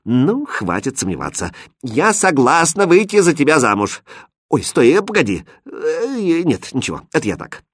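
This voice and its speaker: A man voicing a haughty, capricious young princess in a storybook reading, speaking in imperious, shrill outbursts. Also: sing-song, moderate pace, no room sound, clean studio sound. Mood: flustered.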